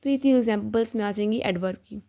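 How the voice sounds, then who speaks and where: A young woman teaching a casual grammar lesson, patiently repeating examples and spelling words out slowly. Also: medium pitch, mellow. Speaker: teacher sharing study notes.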